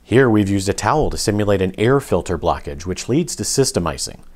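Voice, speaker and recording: A man with a low, steady voice reads a promotional product script. His delivery is smooth and even, recorded as a studio voice-over. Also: brisk. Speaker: product narrator.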